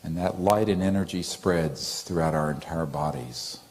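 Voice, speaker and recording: A deep-voiced man leads a guided meditation. He speaks gently and softly, leaves long pauses, and chants a mantra with a long, drawn-out tone.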